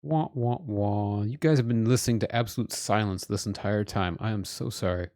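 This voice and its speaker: A man's voice: fairly low pitch, a little fast. A man chatting casually with viewers during a live game stream, self-deprecating and talking straight to chat. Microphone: headphones with desk mic. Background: soft background music.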